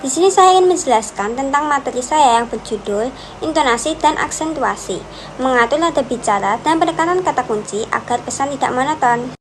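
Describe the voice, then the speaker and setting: In a rough recording with faint background noise, a student presenter works through her class presentation a little fast. She has a high voice and reads numbered points steadily, repeatedly using "dan yang kedua" to connect them.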